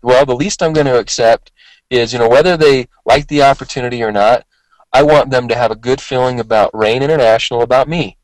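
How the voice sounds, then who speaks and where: Through a dry, poor-quality recording, a man with a medium-pitched voice delivers a motivational sales training talk. His voice is worn from talking all day and he coughs occasionally, while staying conversational and emphatic and repeating himself often.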